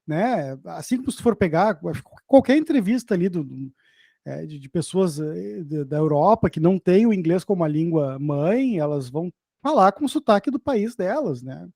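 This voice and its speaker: A man with a southern Brazilian accent speaks as the interviewer, his voice high for a man. The sound is close and dry, and he talks in a measured, hesitant way. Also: expressive, vocal fry, mellow, dry recording. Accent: southern Brazilian Portuguese. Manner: measured, agreeable, hesitant with restarts. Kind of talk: casual interview chat.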